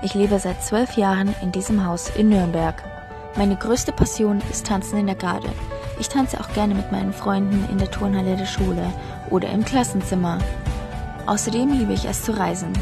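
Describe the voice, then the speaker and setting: Teen girl doing a calm voice-over, music in the back. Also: medium pitch, normal speed, gravelly. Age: teens. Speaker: student introducing herself. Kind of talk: scripted voice-over narration.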